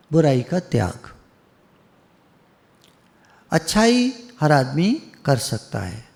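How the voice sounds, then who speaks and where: Gravelly-voiced man giving a devotional talk. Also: on the high side, warm tone, long reverb tail. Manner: conversational, teasing, acts out quoted callers. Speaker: spiritual teacher. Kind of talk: devotional discourse. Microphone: online video call.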